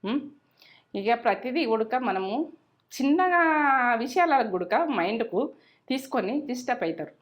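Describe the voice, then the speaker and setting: A woman's voice: a little high, expressive, moderate pace, long pauses. A middle-aged woman hosts a cooking channel, chatting and giving homely advice and repeating herself as she goes. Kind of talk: casual cooking chat with advice.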